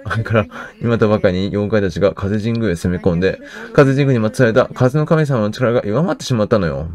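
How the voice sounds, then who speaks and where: A man's voice: lowish voice, a little fast, darkish tone, close to an everyday voice. A man reading aloud a gossiping middle-aged village woman in a video game, chatty and rumor-spreading. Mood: gossipy.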